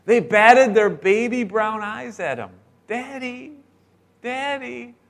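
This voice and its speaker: A middle-aged man preaching a sermon, telling stories in a lively way and acting out the voices of the people in them. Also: high-pitched, measured pace. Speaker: pastor.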